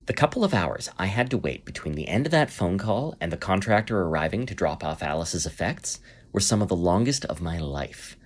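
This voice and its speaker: A man's voice: low voice, animated, brisk. A man playing an earnest amateur investigator, narrating his podcast in a scripted first-person style. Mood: anxious, reflective.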